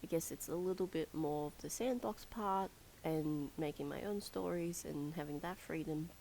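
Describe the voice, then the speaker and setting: A woman with a croaky voice from illness, talking casually over her game build and drifting along with hesitant fillers and soft laughs. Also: deep voice, moderate pace, a little hiss or hum, rough recording. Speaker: gaming channel host.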